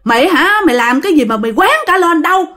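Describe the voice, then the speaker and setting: Woman voicing a firm eldest man, brusque, calming, quick. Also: sits high, voice pushed up. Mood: urging calm. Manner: brusque, urging calm.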